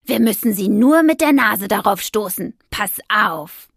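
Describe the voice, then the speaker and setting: A woman's voice: medium pitch, expressive, a little slow, gravelly, husky, dry recording, clean studio sound, exaggerated voice. A woman doing a brash, hot-tempered young witch. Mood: defiant. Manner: indignant, brash, shouting at passers-by.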